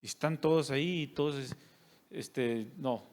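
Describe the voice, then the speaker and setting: A man's voice: medium pitch, a little slow, darkish tone. A male pastor, preaching a sermon and putting rhetorical questions to his congregation. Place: church service.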